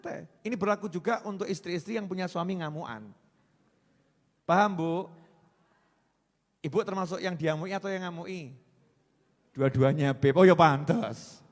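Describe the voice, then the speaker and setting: A man giving a joking, lively sermon as a preacher. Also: sits high, normal speed, pauses often. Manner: joking, lively, mixes Javanese into Indonesian. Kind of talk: humorous sermon. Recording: reverberant hall sound.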